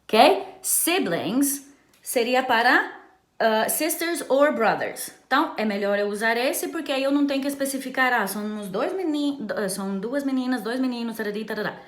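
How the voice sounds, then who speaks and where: Expressive and fairly quick, a woman with a slightly high voice leads an informal bilingual lesson as an English teacher. She keeps checking in through short tag questions, all captured in an echoey, roomy space.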